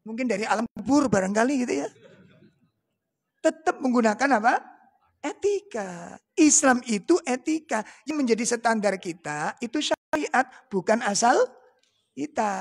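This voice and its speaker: Male preacher, Javanese accent, husky gravelly voice, jokey, quizzes the crowd. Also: extremely high pitch. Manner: joking, asks the audience rhetorical questions. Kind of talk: religious lecture.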